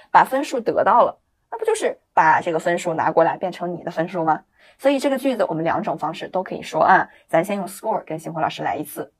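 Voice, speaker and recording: A woman teaching English in a video lesson, explaining with encouragement and reading example sentences slowly and clearly for learners to repeat. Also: mid-range voice. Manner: explains in lively, encouraging classroom talk.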